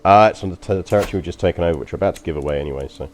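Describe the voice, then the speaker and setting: A deep-voiced man with a London accent talks rapid-fire as he streams a strategy game, rambling casually to chat with frequent ums and uhs.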